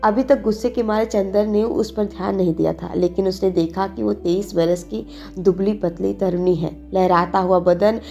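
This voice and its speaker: Woman audiobook narrator, mid-pitched, even literary read, faint music under. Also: creaky, muffled recording. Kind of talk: scripted narration.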